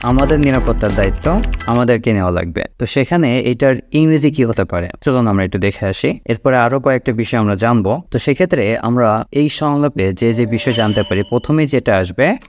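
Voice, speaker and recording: A man teaching English, patiently explaining and repeating words slowly for pronunciation. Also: medium pitch. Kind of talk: spoken language lesson. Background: background music.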